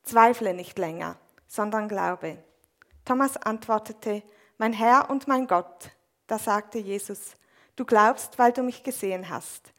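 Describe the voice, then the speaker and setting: A woman reading a Bible passage aloud in a measured, even way, then interpreting a sermon line by line. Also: medium pitch. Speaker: scripture reader and interpreter.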